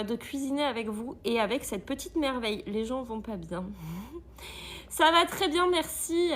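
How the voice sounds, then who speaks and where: A woman hosting a live cooking stream from an agency kitchen, chatting with viewers, greeting them often and reading their comments aloud. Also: high voice.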